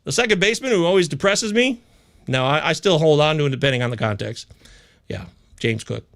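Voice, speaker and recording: A man's voice: a little high, expressive, brisk, fairly bright tone. A man hosting a casual live sports advice chat, stoned, talking in a laid-back stoner drawl with stretched words and repeating himself for emphasis. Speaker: host of a fantasy football advice live chat. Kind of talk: casual live chat commentary, answering viewers' questions.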